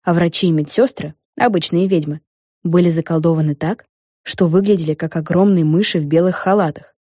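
A woman narrating a children's storybook in a clear, expressive way. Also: fairly low pitch, brisk, no room sound, clean studio sound.

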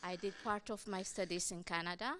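A woman's voice: lowish voice, fairly even intonation, a little fast, a bit bright, a little hiss or hum. A middle-aged woman from Ethiopia giving an academic conference presentation, hesitant, with many fillers and restarts. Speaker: conference speaker, independent researcher.

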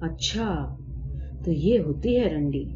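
A woman voicing a curious, questioning woman in a read-aloud story, speaking low and quietly. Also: animated, faint music behind. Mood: wondering. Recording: dull lo-fi audio.

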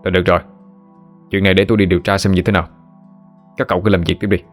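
A man's voice: low voice, little pitch movement, rapid-fire, faint music behind, natural voice. A man doing a hot-tempered company director. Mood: grudging. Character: angry middle-aged male company director.

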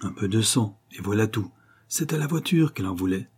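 An earnest, superstitious old coachman tells his master about the local ghost with a believer's respect, as a man puts him on. The voice sits higher than the reader's own, husky and mellow. It is an audiobook reading. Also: lively intonation, a little fast. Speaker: postillion.

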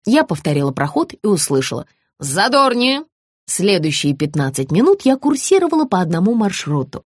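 A woman narrating a comic first-person audiobook in a wry, expressive manner on a close studio mic. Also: lowish voice, a little fast, breathy edge, no echo.

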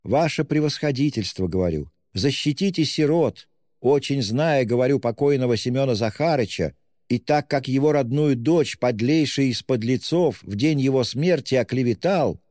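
A man voicing a frantic, desperate impoverished widow with shrill, haughty outbursts in an audiobook. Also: expressive, normal speed, a little mellow, no room sound, studio quality, big-room sound, natural voice. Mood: haughty pleading. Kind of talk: audiobook character voice.

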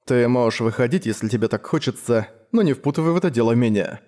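A man voicing a cold, aloof young vampire hunter who speaks tersely and flatly. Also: mid-range voice, quick pace, lightly acted. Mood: detached. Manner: flat, detached, terse.

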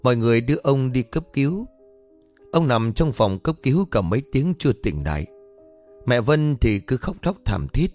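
A man narrating a dramatic story in a steady, measured way. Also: medium pitch, soft background music.

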